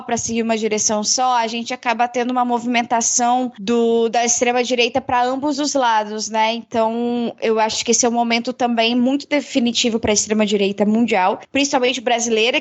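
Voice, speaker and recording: A woman co-hosting a political podcast, explaining her view in long run-on sentences. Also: on the high side. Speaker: podcast co-host. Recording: dull lo-fi podcast audio.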